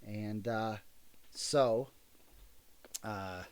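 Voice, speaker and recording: A father hosting a casual podcast, gently prompting his child with questions and then signing off with an upbeat reminder to listeners. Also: lowish voice, drawn-out words, clear, resonant tone.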